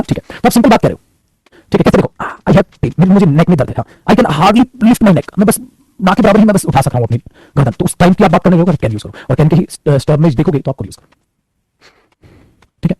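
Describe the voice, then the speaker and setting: A high-voiced male teacher talks fast and swoops up and down as he lectures. His voice is a bit husky and sits close and dry on the mic. He teases and scolds his students as he goes. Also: a little mellow, dry recording, poor audio. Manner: scolding, teasing, calls students beta. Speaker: English grammar teacher. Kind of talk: classroom lecture in Hindi mixed with English.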